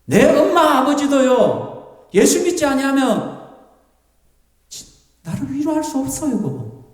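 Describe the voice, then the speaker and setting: A man preaching as a pastor, lively and animated, acting out tearful prayers and grumbling complaints to make his point. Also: very high voice, unhurried. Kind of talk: sermon. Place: church sanctuary. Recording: echoey church hall, voice from far off the mic.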